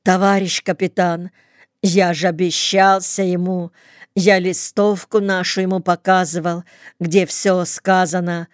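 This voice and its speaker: Desperate young male soldier, read by a woman; urgent shouted pleading, clear dry audiobook read. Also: fairly low pitch, flat delivery, measured pace, no room sound, natural voice. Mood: stammering pleading.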